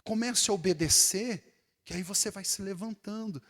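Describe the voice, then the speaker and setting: Preaching pastor in an echoey church. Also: male voice, sits high, moderate pace. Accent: Brazilian Portuguese, São Paulo. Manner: conversational preaching with sudden loud exclamations. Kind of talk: sermon. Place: church hall.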